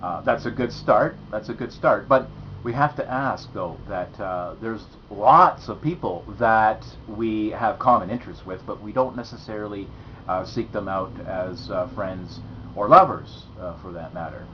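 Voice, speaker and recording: A man's voice: on the low side, unhurried. A man hosting a philosophical monologue, talking in a hesitant way with many fillers and restarts, leaning hard on key words. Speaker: host. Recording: dull lo-fi sound with faint noise.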